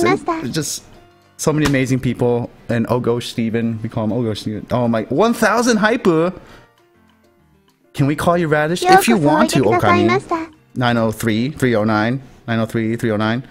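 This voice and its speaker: A young man streaming live, overexcited, stammering and laughing often between words. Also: medium pitch. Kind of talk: excited live stream chat. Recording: faint background music.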